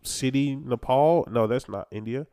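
A young American man in casual podcast conversation. He talks like a frat bro, with plenty of slang and swearing. His delivery turns animated and incredulous as he riffs. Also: medium pitch, unhurried, smooth. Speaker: podcast guest.

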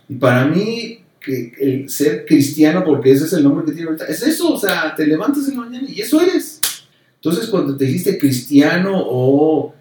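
A man from Mexico with a Mexican accent, a pastor in a casual conversation about faith, animated and repeating himself as he acts out quotes. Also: on the high side. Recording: very echoey room, distant mic.

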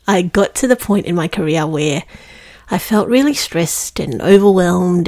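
A Singaporean woman in her thirties, a teacher wellbeing coach, hosts her own podcast in an earnest, reflective monologue on a close mic. Her voice is fairly low and a little mellow.

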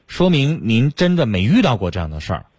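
Male advice host, fast and lively, dry studio mic, gently steering a caller. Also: mid-range voice, husky, no echo. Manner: soothing, guiding. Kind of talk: counseling phone-in talk.

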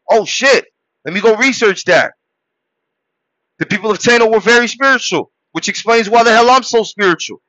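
On his podcast, a man born in Haiti preaches a motivational monologue to listeners in a high, bright, forceful voice, shouting some points and sinking to a low murmur on others. The audio is dull and dry, with no room sound at all.

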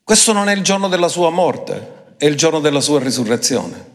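A man preaching a sermon emphatically, switching between quick phrases and slow, drawn-out ones. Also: on the high side, big pitch swings. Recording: long hall reverb.

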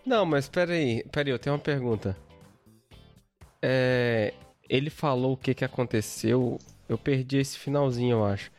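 A man in a casual podcast chat, blunt and mocking, with some swearing. His pitch sits in the middle range. Faint music plays behind him. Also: normal speed.

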